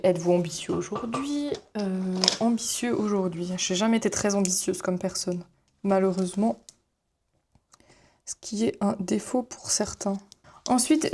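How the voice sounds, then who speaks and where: Young woman, student vlogger, casual rambling chat, mellow tone, faint background hiss. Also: medium pitch. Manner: chatty and rambling, with many fillers and self-corrections. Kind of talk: casual chat while flipping through notebooks.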